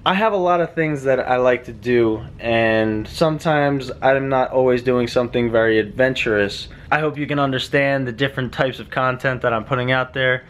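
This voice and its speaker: A man's voice: mid-range voice, normal speed, few pauses. A man in his twenties talking to the camera in a casual, upbeat and rambling vlog. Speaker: vlogger.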